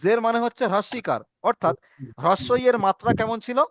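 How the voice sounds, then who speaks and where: A man's voice: very high voice, animated, fast, no room sound, studio quality. A man teaching an online reading class, patiently asking questions and repeating the answers for his students.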